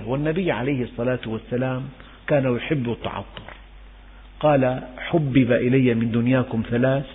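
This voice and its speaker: An older man preaches a religious lesson, telling stories and slipping between formal and everyday speech. His voice is husky and carries a long echo from a large hall. The recording sounds thin and tinny, like a phone line. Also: medium pitch. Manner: storytelling, mixes classical and colloquial Arabic, rises in emphasis.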